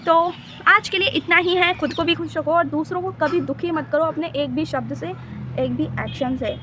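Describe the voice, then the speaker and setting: A woman's voice: sits high, a bit bright, a little hiss or hum. A young woman talking casually to her viewers in a vlog, chatty and motivational, mixing in English words. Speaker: vlogger. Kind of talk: casual vlog talk to camera.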